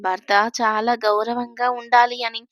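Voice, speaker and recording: A woman's voice: a little high, level tone, measured pace, no room sound, studio quality, close to an everyday voice. A woman voicing a timid, innocent young girl bride who chatters anxiously. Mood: innocent fearful.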